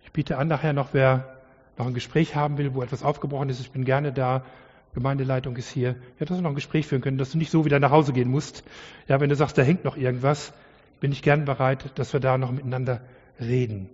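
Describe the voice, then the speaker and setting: A man's voice: medium pitch, steady tone, fast talker, a little mellow. A man preaching a sermon to his congregation in an earnest, conversational way, often adding "ja". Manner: earnest, conversational with many "ja" fillers. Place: church hall. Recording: distant lo-fi hall recording.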